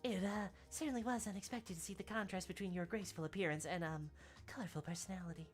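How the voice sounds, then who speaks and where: A woman's voice: fairly low pitch, fairly even intonation, quick pace, faint music behind, pitched above the performer's own voice, close to an everyday voice. A woman voicing a level-headed, exasperated female game companion with a dry, formal, scolding manner. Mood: polite, taken aback. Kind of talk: video game dialogue read aloud by a streamer.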